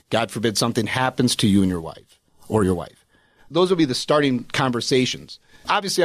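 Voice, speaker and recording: A man's voice: mid-range voice, no room sound. Dry-voiced man advising on retirement money. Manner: explanatory, with many "you know" fillers. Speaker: financial advisor. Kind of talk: casual radio chat.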